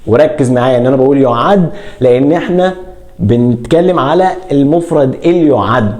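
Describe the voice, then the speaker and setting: A man with an Egyptian Arabic accent teaching an English grammar lesson. He asks questions and answers them himself, and stretches words out slowly. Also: medium pitch, animated, a little mellow.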